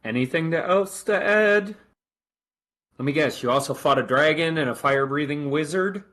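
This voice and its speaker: A man's voice: on the high side, normal speed, a bit bright, voice pushed up, lightly acted. Man voicing a sardonic tired army lieutenant. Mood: skeptical. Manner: sarcastic, questioning. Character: weary sardonic male military lieutenant. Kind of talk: tabletop game character voice.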